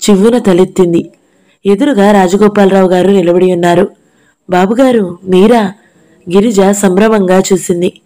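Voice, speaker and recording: A woman reads a novel aloud as an audiobook in a steady, expressive storytelling manner. Her voice sits at a middle pitch and has a mellow, soft-edged tone.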